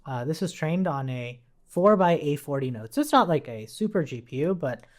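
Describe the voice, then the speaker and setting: Speaking at a normal speed in a fairly high, sing-song voice, this male instructor walks through code on screen in a casual tutorial. He reasons out loud in a chatty way and keeps checking that the listener is with him.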